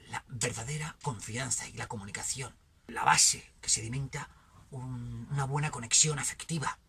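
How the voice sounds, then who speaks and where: A man with a Spanish accent from Spain, delivering a philosophical monologue that swings from emphatic bursts to hushed near-whispers. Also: mid-range voice, slight background noise. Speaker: channel host.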